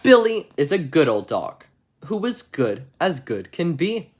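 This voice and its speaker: On a livestream, a male host chats with viewers and reads bedtime stories aloud in a mock-innocent, tongue-in-cheek way. His voice is a little high and a little slow, with big swings in pitch.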